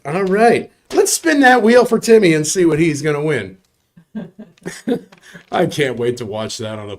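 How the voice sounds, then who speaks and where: A man hosting a live bar prize giveaway show, jokey and upbeat, with chuckles and asides. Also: high-pitched.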